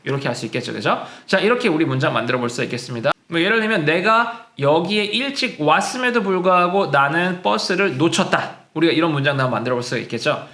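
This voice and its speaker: A man teaching an English lesson, patiently explaining and slowing right down to say each example sentence. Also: a little high, lively intonation, bright, forceful tone, reverberant. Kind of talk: classroom-style lesson.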